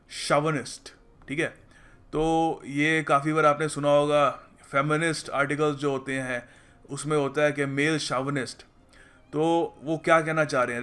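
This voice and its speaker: A man teaching English vocabulary in Hindi, reading example sentences slowly and explaining them in a casual classroom manner. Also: a little high, a bit bright. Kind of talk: explaining lesson.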